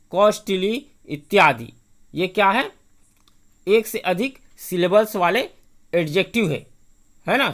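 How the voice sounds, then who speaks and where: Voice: medium pitch, fairly bright tone. Teacher who quizzes and answers themself. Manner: asks rhetorical questions and answers them, spells words out letter by letter. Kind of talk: televised grammar lesson.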